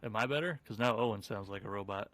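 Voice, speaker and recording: A man's voice: on the low side, fast talker, a bit bright. A man running a tabletop game as game master over a voice call, talking casually and laughing easily. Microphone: home computer mic on a voice call.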